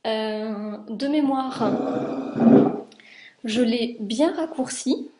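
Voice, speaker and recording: A young woman from France talks through her homemade clothes in a relaxed, rambling vlog. Her voice sits a little high, and she fills pauses often as she points out the details. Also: very noisy. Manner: chatty, many fillers, shows garments. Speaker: sewing vlogger. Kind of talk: casual chat.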